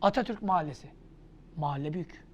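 A woman teaching an exam-prep lesson in a theatrical, comedic way, often shouting and mixing mock insults with endearments. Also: low-pitched, fast, a little hiss or hum.

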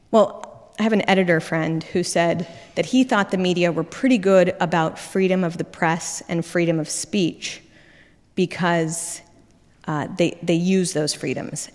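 A woman giving a public lecture on a wireless microphone, talking quickly and conversationally with asides and restarts. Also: lowish voice. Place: lecture hall. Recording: reverberant hall.

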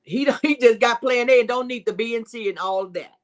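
Speaking fairly quickly in a voice on the high side, this woman leads a live-streamed devotional teaching. She greets her viewers by name and preaches conversationally, with lots of emphasis and repetition.

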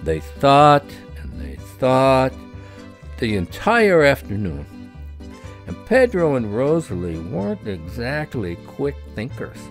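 Expressive man reading a children's story. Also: mid-range voice, takes it slowly, faint music behind. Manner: expressive, gently explaining.

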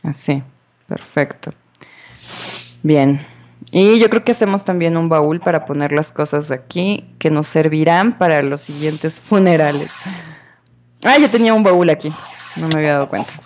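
A woman's voice: sits low, normal speed, pauses often, darkish tone. A woman, commenting on her gameplay in a dramatic way and scolding the game creatures. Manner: dramatic, talks to game mobs and sings along. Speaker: gamer.

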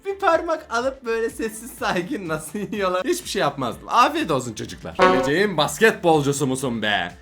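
Animated young Turkish man reacting, laughing. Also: high voice. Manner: playful, laughs often, teasing the kids on screen. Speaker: YouTuber reacting to funny kid videos. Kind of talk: casual reaction commentary.

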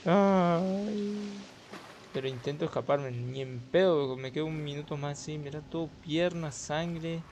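A young man with an Argentine Spanish accent giving excitable horror let's play commentary, swearing freely and letting out jumpy yelps. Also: a little high, unhurried, slight background noise. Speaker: gamer.

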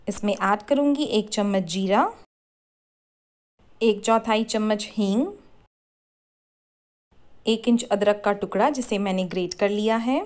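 A woman talks through a recipe in a scripted voice-over. She lays out each step clearly and evenly, pitched in the middle for a woman. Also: a little slow, long pauses, a little mellow. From India. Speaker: cooking channel host.

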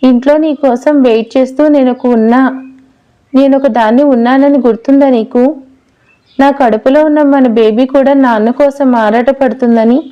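A woman's voice: high-pitched, fairly even intonation, normal speed, lightly acted. A woman reading a storybook's demanding young pregnant wife, who wheedles and scolds her husband. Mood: nagging. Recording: dull lo-fi recording.

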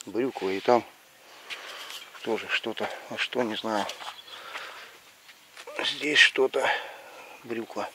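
A middle-aged vlogger films himself in a village yard with an action camera at arm's length, talking slowly and pausing often in casual, rambling chat about village life. His s and sh sounds are slushy because of a pulled lower tooth, and background noise runs through the outdoor camera recording.

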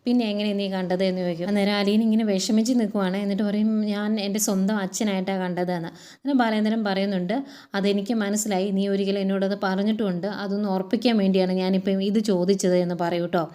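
A woman talks through a TV serial episode in a relaxed, homely way, voicing everyone's lines in her own voice rather than acting them out. Her tone is mellow and soft-edged. The pitch stays flat and level, with little rise or fall. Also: quick pace, clear, resonant tone. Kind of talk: casual spoken story recap.

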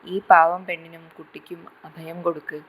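A woman's voice: lowish voice, little pitch movement, moderate pace, lightly acted, rough recording. A woman voicing the spirit of a dead old mother who scolds and consoles her grown son from the grave. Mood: pleading.

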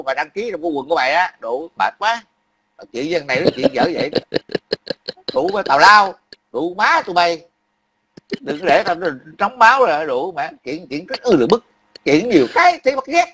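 A man's voice: fairly high pitch, fairly bright tone. A man, ranting angrily and profanely about politics on a livestream, repeating himself and grumbling that he is worn out. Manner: angry, profane, repetitive ranting. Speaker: livestream commentator. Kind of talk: heated political rant.

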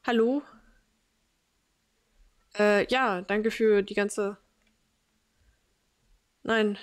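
A polite, awkward young man, read by a woman in her own voice, hesitant and apologetic, with plenty of fillers. He keeps an even middle pitch. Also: drawn-out words, smooth.

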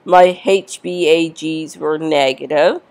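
A woman's voice: low voice, takes it slowly, a little mellow. A woman with a congested, stuffy cold voice, giving a casual, matter-of-fact vlog update. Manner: matter-of-fact, reading out numbers. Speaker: vlogger.

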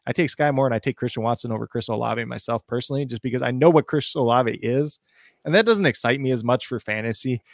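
A man on a podcast panel arguing a fantasy football pick, quick and animated, packed with stats. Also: mid-range voice, gravelly, no room sound, clean studio sound. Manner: fast, stat-heavy, animated arguing. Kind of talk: casual fantasy football chat.

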